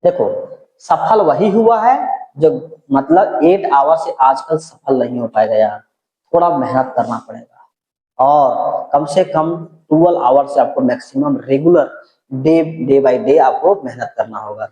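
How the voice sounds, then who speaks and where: Holding his voice down at night, a middle-aged man teaches chemistry in a relaxed way, repeatedly saying "ठीक है" to check in. He speaks at a measured pace with medium pitch, and the low-quality recording is reverberant.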